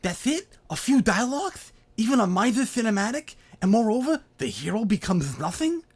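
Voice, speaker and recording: A whiny nerdy young guy, as a man puts him on, his voice pitched high and breathy and swinging wildly up and down. He fires off incredulous complaints in a voice-acting demo. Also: very animated, normal speed, full character voice. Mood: indignant.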